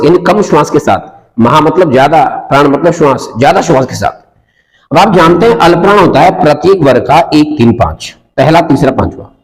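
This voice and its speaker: A man teaching Hindi grammar in a classroom, explaining step by step and asking and answering his own questions, with a north Indian Hindi accent. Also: a little high. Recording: roomy echoing classroom with long reverb.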